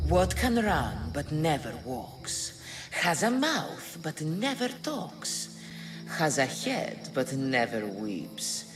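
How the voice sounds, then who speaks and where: A woman's voice: low-pitched, full character voice. A woman playing an ancient sphinx in a video game, a grand, stately and teasing guardian who speaks in riddles. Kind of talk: theatrical video game acting.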